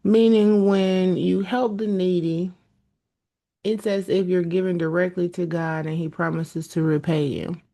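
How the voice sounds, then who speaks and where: A woman's voice: lowish voice, fairly even intonation, a little slow, dark tone. A woman hosting a podcast, speaking in an earnest, preachy solo monologue straight to her listeners. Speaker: podcast host.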